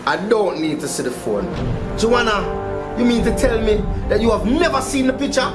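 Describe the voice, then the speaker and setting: A performer playing a stern, reproachful parent with a Jamaican accent, admonishing a wayward daughter deliberately in a drama. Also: mid-range voice, animated, close to an everyday voice. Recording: echoey room, distant mic, music underneath.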